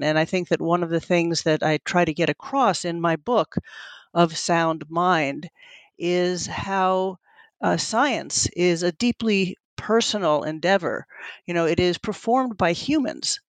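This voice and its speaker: This is a dry recording of a lab-heading neuroscientist, a middle-aged woman whose native language is Italian, with a lowish voice. As an interview guest she responds in a conversational, sincere and reflective manner, frequently pausing to find the right word.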